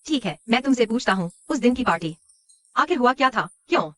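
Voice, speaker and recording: A woman's voice: a little high, lively intonation, brisk, fairly bright tone, no room sound. A wronged, defiant young woman. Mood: accusing. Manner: angry, accusing. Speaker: dubbed drama actress.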